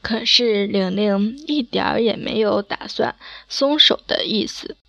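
A woman narrating a scripted horror story in a slow, measured reading. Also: mid-range voice, vocal fry, fairly bright tone, no room sound, lo-fi sound.

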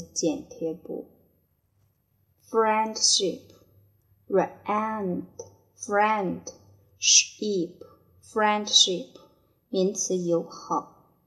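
A woman teaching English vocabulary with a Chinese accent, repeating each word slowly and then explaining it. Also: fairly low pitch, a little mellow. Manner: slow, deliberate repetition of each word. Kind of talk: word-by-word pronunciation drill.

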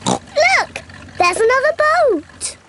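A woman's voice: very high voice, sing-song, slow, over loud music, full character voice. A female performer voicing a cheerful, bossy little girl piglet in a children's cartoon. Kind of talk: cartoon acting.

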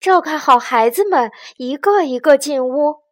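A woman voicing a calm mother hen who reassures and instructs the flock, for a children's story. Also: a little high, unhurried, slightly rough. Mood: firm.

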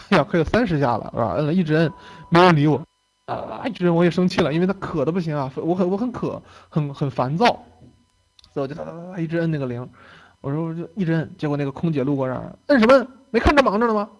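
A man's voice: fairly high pitch, dull audio. Chatty young man telling lecture stories. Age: young adult. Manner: chatty, laughs often, tags phrases with "OK" and "是吧". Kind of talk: casual storytelling lecture.

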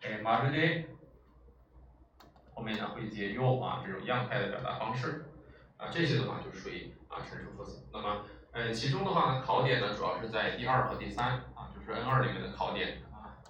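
This lowish, fairly quick male voice has a fairly bright tone and lo-fi quality, recorded far from the mic in an echoey room with faint noise. He delivers a classroom language lecture, explaining patiently and checking in often with rhetorical questions and plenty of filler sounds.

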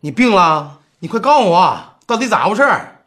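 一名男演员饰演一位急躁的中年老板，操东北口音，说话直来直去，带着不耐烦的责备。. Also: male voice, sits high, big pitch swings, moderate pace, fairly bright tone. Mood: exasperated. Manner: blunt, exasperated scolding. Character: impatient middle-aged male boss, brusque but worried. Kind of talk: TV series acting.

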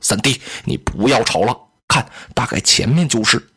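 A polite, gentle lord speaks in a low, hushed and measured voice, far deeper and quieter than the storyteller's own. A man plays him in Chinese oral storytelling. He stays courteous and calm with a faint huskiness. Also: gravelly, husky, exaggerated voice. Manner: polite, calm, soft-spoken. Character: courteous gentle eldest-brother lord, male adult.

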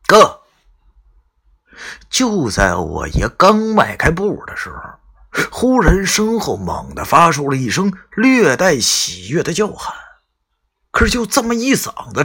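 A man's voice: mid-range voice, fairly bright tone, husky. A man telling a folk story live, colloquial, with swearing asides.

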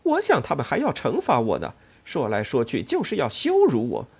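A man voicing a fiery, defiant woman who shouts scornfully in an audiobook. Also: on the low side, wildly swooping pitch, fast, creaky, husky, pitched above the performer's own voice, heavily acted. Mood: defiant shouting.

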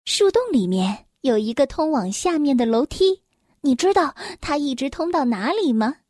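A woman reading a children's storybook aloud, slow and expressive. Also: high-pitched, no echo, studio quality.

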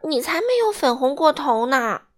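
A woman's voice: high-pitched, big pitch swings, normal speed. A woman voicing a caring, cheerful male friend in a children's storybook reading, talking in a reassuring, comforting way.

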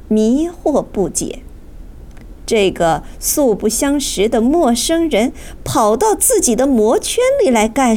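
A woman reads a children's story aloud, unhurried and drawn out, her pitch rising and falling expressively. She sits a little above the usual woman's pitch. Faint noise hangs underneath. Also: darkish tone. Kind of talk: children's audiobook narration.

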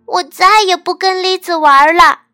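Woman doing a shrill, hot-tempered little bear girl. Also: expressive, slow, dry recording, studio quality, faint music behind, heavily acted. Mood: indignant. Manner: shrill and loud when protesting.

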